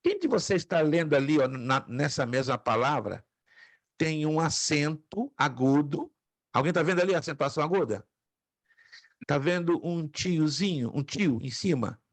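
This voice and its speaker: A man's voice: fairly high pitch, lively intonation, normal speed, no echo. A man teaching a Greek class from his home office, patiently repeating each pronunciation and joking lightly with students. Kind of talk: online lecture.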